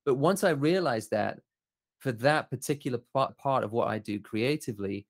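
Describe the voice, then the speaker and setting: A man's voice: mid-range voice, moderate pace. A middle-aged man from Southern Africa, a photographer guest talking in a thoughtful, candid and self-questioning way. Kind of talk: reflective interview talk.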